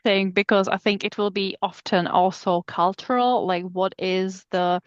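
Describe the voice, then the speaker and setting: A woman's voice: mid-range voice, steady tone, unhurried, smooth, dry recording, lo-fi sound. A woman from the Republic, co-hosting a podcast and asking questions while thinking aloud. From Czech Republic. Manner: searching, thinks aloud with fillers. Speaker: podcast co-host. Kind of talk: casual interview questions.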